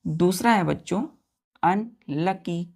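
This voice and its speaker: A woman with a low, gravelly voice teaches vocabulary in a classroom-style lesson. She spells each word out letter by letter, then repeats it and puts questions to the children. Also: slow pace, darkish tone. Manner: spells words letter by letter, repeats and quizzes pupils; addresses listeners as children.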